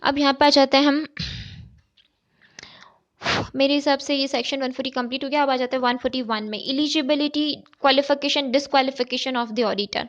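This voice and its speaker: Flat in delivery and a little fast, with long pauses, a high-pitched woman tutor explains chartered accountancy step by step for exam prep. She poses questions, then answers them, checking in often with "okay." The lecture recording is dull and lo-fi.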